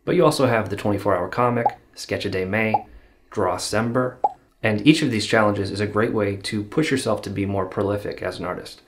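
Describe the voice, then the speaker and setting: Male illustrator, thirties, somewhat low voice, deadpan delivery of scripted host narration. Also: a little fast, a little hiss or hum. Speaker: host, illustrator and comic artist. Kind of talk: scripted video narration to camera.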